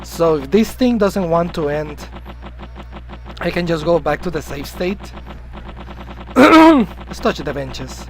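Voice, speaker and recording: A man's voice: on the high side, very animated, slow pace, a little hiss or hum, low-quality recording. A man live-streaming a video game, rambling casually, chatting with his viewers and coughing now and then because he has been sick. Spanish is his first language. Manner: chatty, rambling, greets and answers chat.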